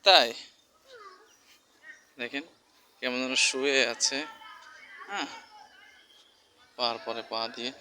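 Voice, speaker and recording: A man's voice: medium pitch, expressive, takes it slowly, gravelly, long pauses, pushed and bright, a faint crowd, a little hiss or hum. A man vlogging casually while coaxing and scolding a small child. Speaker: vlogger and parent. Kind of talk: casual handheld vlog talk.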